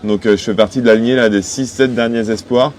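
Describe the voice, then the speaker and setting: A twenty-five-year-old skipper from Cholet in western France answers interview questions conversationally aboard a sailing boat in port. His voice is medium-pitched, steady and a little mellow, and he talks fast. There's noticeable background noise on location.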